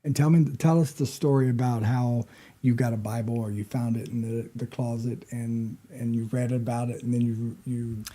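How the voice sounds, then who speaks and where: A man's voice: mid-range voice, fairly even intonation, normal speed, warm tone. An American man hosting a podcast, prompting his guest in a folksy, casual way. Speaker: podcast host. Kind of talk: casual interview.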